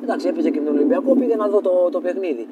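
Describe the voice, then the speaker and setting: Former footballer guest, fairly high voice, chatty anecdotes, distant outdoor mic with heavy traffic noise. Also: male voice, phone-quality sound. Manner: relaxed, chatty, speeds up when telling anecdotes. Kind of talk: casual storytelling interview.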